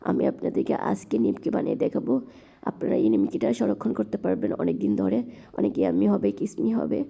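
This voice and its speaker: A hoarse woman, her voice nearly gone from a cold, giving chatty step-by-step cooking instructions that often drop to a half-whisper. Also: medium pitch, sing-song, fast, mellow. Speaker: cooking channel host. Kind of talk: casual cooking tutorial narration.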